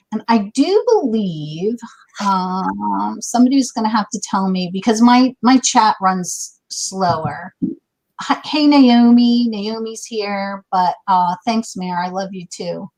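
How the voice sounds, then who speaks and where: A woman's voice: medium pitch, poor audio. A woman in her fifties hosting a casual livestream chat, bubbly and effusive, with lots of fillers. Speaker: host.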